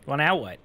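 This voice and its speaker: A man's voice: fairly high pitch, vocal fry, bright, forceful tone, breathy edge. A man giving casual, rambling commentary while playing a role-playing video game, often correcting himself as he talks. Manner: rambling, self-correcting, thinks aloud. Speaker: let's play host.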